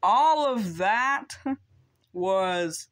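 Teen boy, unhurried unboxing chatter, hesitant and rambling. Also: high-pitched, expressive, a bit bright. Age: teens. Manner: rambling, hesitant, many ums. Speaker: vlogger. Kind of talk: casual unboxing chat.

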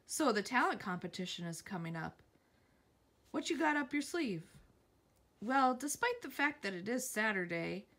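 Woman reading tv captions out loud, bouncy voice, little remarks in between. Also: on the high side. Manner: lively, jumps between reading and asides. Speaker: vlogger reading TV captions aloud. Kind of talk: reading captions aloud quickly.

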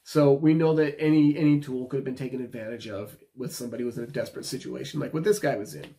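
A quick-talking American man in his thirties, a video commentator, gives emphatic, opinionated, casual commentary to camera and repeats himself for stress. His medium-pitched voice is gravelly with a dark tone, recorded in a small room indoors.

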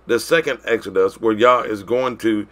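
A man preaching a sermon, moving between loud declarations and quiet, drawn-out phrases. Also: fairly low pitch.

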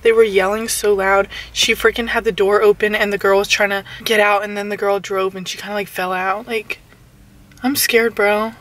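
A woman's voice: medium pitch, level tone, normal speed, fairly bright tone. A young woman vlogging into a handheld camera from inside a car, chatty and full of "like". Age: young adult. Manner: chatty, says "like" a lot. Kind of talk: casual vlog chat. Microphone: handheld camera at arm's length.

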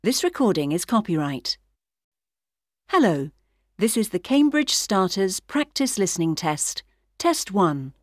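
A woman reading scripted exam instructions as an announcer, measured and carefully enunciated. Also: medium pitch, big pitch swings, no echo. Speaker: test announcer.

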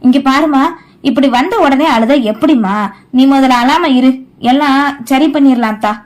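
A gentle old grandfather in an audio novel, soothing and firm with his family, as a woman reader voices him. The voice stays high-pitched. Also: unhurried. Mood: consoling. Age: older. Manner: soothing, consoling.

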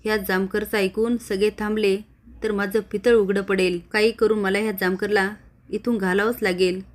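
A woman's voice: mid-range voice, little pitch movement, normal speed, lightly acted. A woman voicing a scheming masked villain. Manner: plotting, muttering to himself.

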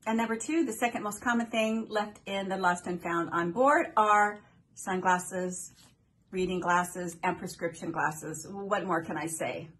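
An older woman with a fairly low, slightly bright voice hosts a chatty countdown vlog about cruising, speaking unhurriedly. She tells stories in a friendly way with playful asides, recorded at desk distance in a small room.

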